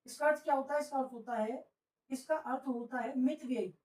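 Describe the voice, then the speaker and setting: A woman's voice: high voice, a little fast, darkish tone, distant mic. A woman teaching vocabulary to a class, repeating words as drills and asking rhetorical questions. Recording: echoey room, voice off-mic.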